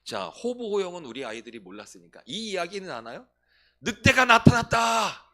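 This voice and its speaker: Animated high-voiced male pastor preaching. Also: quick pace. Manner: lively, questions the listeners and answers himself. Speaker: senior pastor. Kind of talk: sermon with questions to the congregation.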